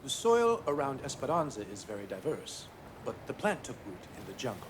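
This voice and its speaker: A man's voice: mid-range voice, huge pitch swings, brisk, noisy background. A man playing an earnest, conciliatory male lab leader in a mystery video game. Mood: explaining. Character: ailing, earnest man who leads a laboratory.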